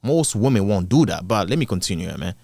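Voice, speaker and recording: A man's voice: on the low side, big pitch swings, brisk, dark tone, no room sound, clean studio sound. A man hosting a drama channel, giving casual, blunt, slangy reaction commentary with repeated rhetorical questions.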